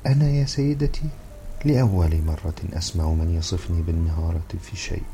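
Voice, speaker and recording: A man reading the part of an earnest, excitable young man in love, in an eager, pleading way. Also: deep voice, fairly quick, faint music behind.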